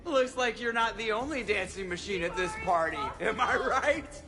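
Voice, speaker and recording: A man's voice: sits high, moderate pace, over music. A man playing a wisecracking, grumbling pilot in a video game, casual and sarcastic. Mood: tipsy joking. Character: wisecracking, grumbling adult male ship pilot.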